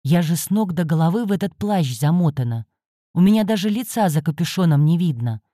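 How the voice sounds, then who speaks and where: Lady doing a scared young student girl, hushed and anxious, dark mellow voice. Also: on the low side, expressive, a little fast, dry recording, studio quality. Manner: whispering, anxious. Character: frightened young woman student out at night.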